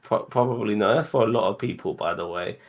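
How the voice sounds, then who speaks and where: A man hosting a casual reaction chat, enthusiastic and quick to laugh, often restarting his words. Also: on the low side, lo-fi sound. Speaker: host.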